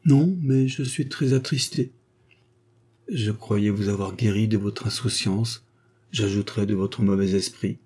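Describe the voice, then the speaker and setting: An earnest older gentleman gently lectures in a storybook reading, as a man reads his part. His voice is dark and husky. His tone is grave and moralizing. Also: mid-range voice, moderate pace, pitched above the performer's own voice, lightly acted. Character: kindly grave older gentleman, a tax collector.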